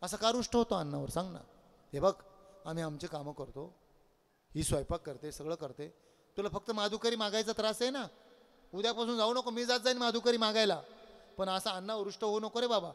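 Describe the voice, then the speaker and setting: A man voicing a gentle, fatherly male god who softly coaxes a weeping devotee, in a sermon story. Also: high voice, a little fast, big-room sound. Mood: coaxing.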